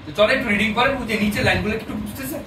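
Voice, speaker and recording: A man's voice: sits high, very fast. A man teaching a language class, explaining patiently and often asking his students questions. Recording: echoey room, distant mic, noisy.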